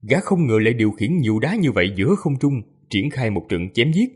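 A man narrating a fantasy audiobook with an expressive, lively delivery. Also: medium pitch, brisk, husky. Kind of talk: storytelling narration.

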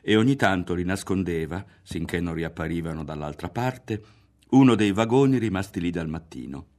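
A man reading a literary novel aloud in a measured, expressive way, often dropping to a hushed tone. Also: sits low. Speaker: audiobook reader. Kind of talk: literary audiobook narration. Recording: faint music underneath.

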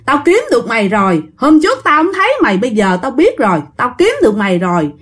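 Shrill vengeful old ghost woman, Southern Vietnamese accent, very lively pitch, put on by a woman storyteller. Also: quick pace. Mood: menacing. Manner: shrill, menacing, repeating threats. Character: vengeful bloodied ghost of an old mother-in-law.

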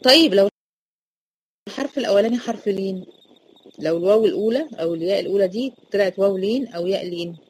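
A woman's voice: mid-range voice, rapid-fire, a little hiss or hum, poor audio. A woman teacher with an Egyptian accent explaining a recitation lesson, asking questions and answering them herself. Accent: Egyptian Arabic.

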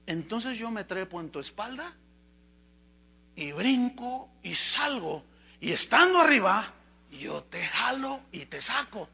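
A man voicing a cunning, treacherous male wolf in a spoken fable, raising his voice high and loud. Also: very animated, takes it slowly, vocal fry, slightly rough, full character voice. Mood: sly. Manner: shouted high-pitched voices in dialogue.

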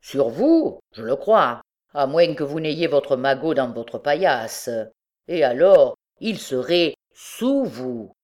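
A sly, menacing male convict, as a woman reader puts him on for a storybook reading. He threatens his victim with mocking, falsely courteous words and a low, steady voice. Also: slow pace, exaggerated voice.

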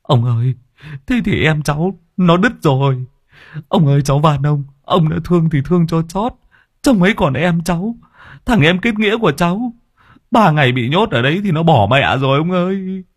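A man's voice: deep voice, very animated, a little fast, a little mellow, breathy edge, dry recording, studio quality, exaggerated voice. A man doing a frantic young vagabond. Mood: desperate pleading. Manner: pleading, frantic, stammering. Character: desperate young male vagabond, rough but loyal.

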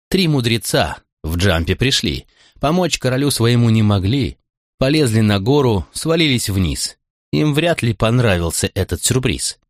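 Guy reading a poem, lively up-and-down voice, lowish, dry sound. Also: dry recording. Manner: rhythmic, lilting recitation. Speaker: audiobook reader. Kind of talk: recited verse.

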